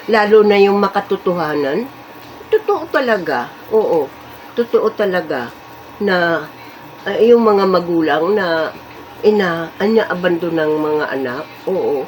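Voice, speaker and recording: A woman's voice: lowish voice, slight background noise, low-quality recording. A woman in her eighties chatting casually as a vlogger. She rambles and stresses her points, often stopping to affirm what she just said. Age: 80s. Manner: chatty, rambling, emphatic, repeats and affirms with fillers. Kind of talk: casual chat.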